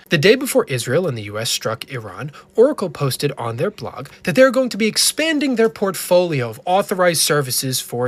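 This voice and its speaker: A man's voice: fairly high pitch, a bit bright, no echo. A man giving casual, explanatory news commentary as an online presenter.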